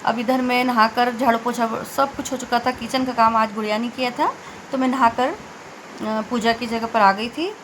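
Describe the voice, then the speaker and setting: A woman in her forties chats her way through a home cleaning day in a loose, rambling voice-over. Her voice sits a little high, and she stops to fix her own words. Faint room ambience hums behind her. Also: steady tone, noisy background. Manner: chatty and rambling, with self-corrections and filler pauses. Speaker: home vlogger.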